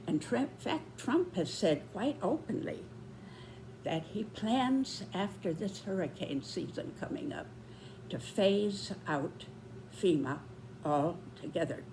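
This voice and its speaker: Very old woman, slow and deliberate. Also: mid-range voice, expressive, background noise. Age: 90s. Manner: deliberate, measured phrasing with pauses. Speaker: vlogger giving commentary. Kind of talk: reflective spoken commentary on current events.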